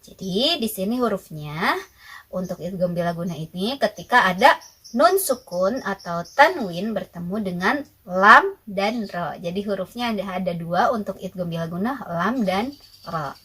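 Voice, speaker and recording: A woman's voice: mid-range voice, lively intonation, measured pace, pushed and bright, breathy edge, rough recording. Patient young woman teaching recitation rules. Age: young adult. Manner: patient, explains step by step, often asks and answers her own questions. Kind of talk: recorded tajwid lesson.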